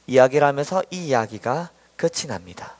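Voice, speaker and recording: A man preaching a children's sermon, telling a story gently and asking the children questions. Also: mid-range voice, animated, brisk. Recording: long hall reverb.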